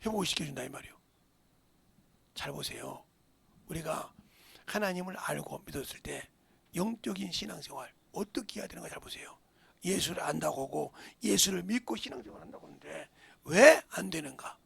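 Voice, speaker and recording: A man's voice: fairly high pitch, animated, fairly quick, gravelly, fairly bright tone, slightly rough. A male pastor preaching a sermon with emphasis. He fires rhetorical questions and often drops into a whisper.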